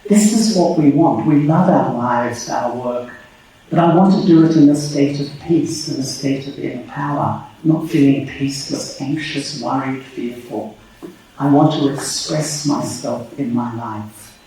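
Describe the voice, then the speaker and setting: A man leading a guided meditation, speaking calmly and slowly, his voice echoing through a big hall. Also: mid-range voice, a little hiss or hum. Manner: calm, slow and measured. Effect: big hall echo on the voice. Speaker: meditation teacher. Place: large reverberant hall. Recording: heavy reverb, distant mic, faint music.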